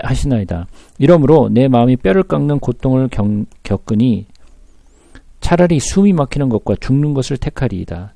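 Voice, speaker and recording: Male Bible teacher with a gravelly, lively delivery; reads verses, then unpacks them with rhetorical asides. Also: medium pitch, no echo. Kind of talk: scripture reading with commentary.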